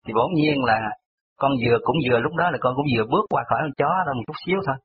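A man's voice: medium pitch, very fast, slight background noise. A man with a Southern Vietnamese accent calling in to a radio show, recounting a personal story in rambling, detail-heavy fashion. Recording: tinny phone line on radio.

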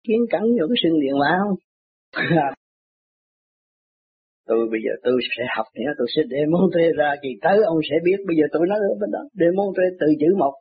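An older man telling rambling stories in a casual, animated way, laughing often. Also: a little hiss or hum. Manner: animated, laughs often, jumps high when quoting others. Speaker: self-styled teacher telling anecdotes. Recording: tinny phone-like dry recording.

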